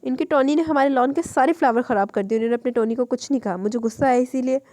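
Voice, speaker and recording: A woman's voice: sits high, fast talker, warm tone, no room sound, studio quality, lightly acted. A woman reading aloud, voicing a playful, mischievous young woman who chirps and stammers out excuses. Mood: defensive.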